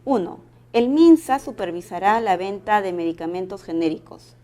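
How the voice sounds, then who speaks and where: A woman's voice: medium pitch, lively intonation, normal speed, dark tone. Woman methodically explaining exam questions. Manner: methodical, reads each question then explains. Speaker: teacher. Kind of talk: exam exercise walkthrough.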